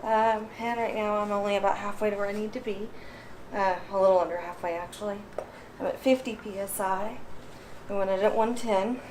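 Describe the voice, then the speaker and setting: A woman vlogger talking casually through a repair demonstration, out of breath from working a hand pump and filling pauses with ums. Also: mid-range voice, steady tone, background noise. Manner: chatty, many ums, pauses while pumping.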